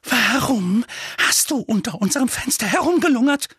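A man voicing a thin, sharp, nervous aunt in an audiobook, shrill and hissing. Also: expressive, normal speed, slightly rough, no echo, studio quality, heavily acted. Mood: scolding. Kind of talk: audiobook character voice.

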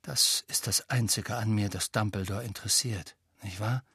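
A man with a husky voice reads a brooding teenage schoolboy in an audiobook, low and muttering. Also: fairly even intonation, moderate pace, bright, forceful tone, no room sound, clean studio sound, full character voice. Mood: sullen. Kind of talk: audiobook character voice.

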